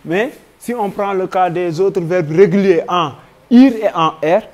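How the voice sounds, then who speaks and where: A man's voice: high voice, measured pace, darkish tone. A man with a Senegalese French accent teaching a grammar lesson, patiently spelling out verb forms one by one.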